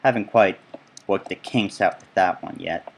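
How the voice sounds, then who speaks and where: A man's voice: deep voice, moderate pace, gravelly, a little hiss or hum. A man giving casual, rambling gameplay commentary as he tours his own build, full of chatty asides. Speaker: let's play gamer.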